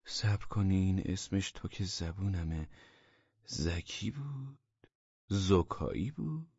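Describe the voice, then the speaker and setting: Man voicing a meek thin man, soft, hesitant, apologetic, storybook reading. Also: on the low side, dry recording, dull audio, lightly acted.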